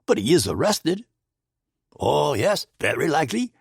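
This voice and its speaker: Man voicing a placid older Belgian detective, higher than his own voice, husky, precise, French phrases, audiobook. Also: unhurried, dry recording, studio quality, full character voice. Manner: calm, amused, precise, drops French phrases. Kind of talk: audiobook character voice.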